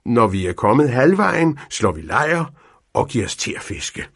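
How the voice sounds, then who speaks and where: A patient old storybook inventor explains things gently in a raspy, gravelly voice, pausing often, as a man puts him on. His pitch rises a little above the narrator's and stays lively. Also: no echo, clean studio sound, heavily acted. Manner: patient, hesitant with "øh".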